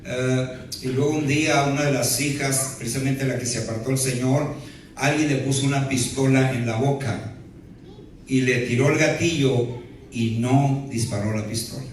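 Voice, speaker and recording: Pastor preaching in an echoey hall. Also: male voice, mid-range voice, steady tone, moderate pace, far from the mic, slight background noise. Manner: peppers speech with "¿verdad?" and playful asides. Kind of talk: sermon. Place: church sanctuary.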